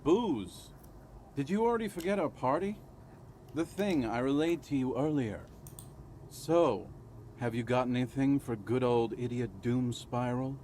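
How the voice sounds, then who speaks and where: Brief: an actor as a shabby game drunk, wheedling and theatrical, mid-pitched. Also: male voice, lively intonation, measured pace, mellow, a little hiss or hum, natural voice. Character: down-and-out drunk man swapping stories for booze. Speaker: game character.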